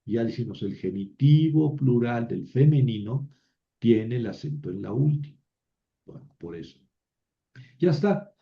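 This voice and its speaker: A man's voice: mid-range voice, expressive, unhurried, gravelly, highs cut off. A man teaching a biblical Greek class, reciting word forms aloud one at a time and explaining them to his students. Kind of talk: classroom lecture.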